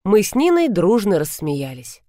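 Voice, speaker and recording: Woman narrator, audiobook, lively, animated, dry close recording. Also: mid-range voice, moderate pace, no echo. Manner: lively storyteller, animated reading.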